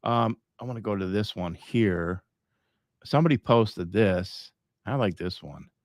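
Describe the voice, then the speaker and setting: A man's voice: lowish voice, expressive, a little slow, dry recording, studio quality. A middle-aged man hosting a live podcast, talking in a rambling, emphatic way with frequent chuckles. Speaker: podcast host.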